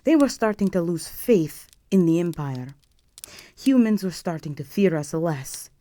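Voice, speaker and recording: A woman with a fairly low, expressive, dark-toned voice speaks unhurriedly, with no echo. In an intimate audio roleplay she plays a regal, possessive vampire countess, addressing the listener in a formal, imperious, seductive way that feels commanding and persuasive.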